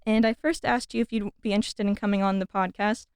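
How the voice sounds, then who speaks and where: A woman's voice: mid-range voice, steady tone, fast, darkish tone, smooth, no echo, studio quality. A woman hosting a film podcast, introducing and interviewing a guest with enthusiasm. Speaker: podcast host.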